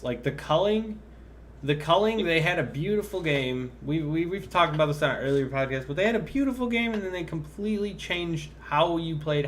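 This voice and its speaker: A man's voice: a little high, fairly bright tone, a little hiss or hum. A man co-hosting a casual gaming podcast, rambling through his point with lots of "like" and "kinda". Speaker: podcast co-host.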